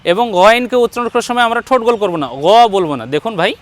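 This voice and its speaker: A man's voice: extremely high pitch, rapid-fire, a little hiss or hum. A man teaching Quran recitation one-on-one, patiently modelling each letter sound and encouraging his student. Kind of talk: patient one-on-one pronunciation lesson.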